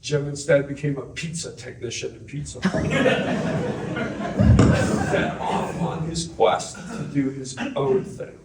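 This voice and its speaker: An older man casually telling stories about his brother, animated and often laughing as he acts out what people said. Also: medium pitch, normal speed, few pauses, recorded from a distance, noisy background. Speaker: interviewee remembering his brother. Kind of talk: casual storytelling. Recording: echoey room, voice a bit off-mic.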